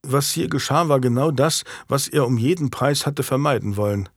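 A man narrating a historical audiobook in a measured, even way. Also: mid-range voice, no room sound. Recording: dry close studio, faint music.

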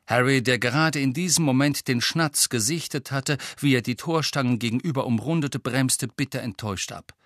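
A man's voice: mid-range voice, normal speed, hardly any pauses, no echo. Man reading an audiobook in a dry close sound. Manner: lively, expressive reading. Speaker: audiobook narrator. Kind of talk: scripted narration.

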